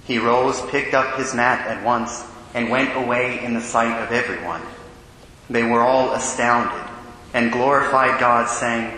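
A man serving as priest, reading the gospel and preaching in a large church with a cathedral echo, measured and solemn. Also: mid-range voice, steady tone, sharp tone. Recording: long echoey church reverb, faint hiss.

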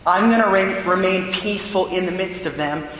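A priest reading the Gospel and preaching a homily at Mass in a large church, his voice carried by a booming cathedral echo. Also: noisy background. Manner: earnest, measured preaching. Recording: long echoey reverb in a large church.

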